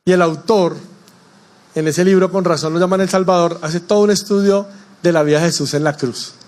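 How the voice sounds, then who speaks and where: A male pastor delivers a sermon in a church. His voice sits high for a man, and he keeps turning to the congregation with questions. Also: fairly even intonation, a little fast, darkish tone. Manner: preaching with rhetorical questions to the congregation.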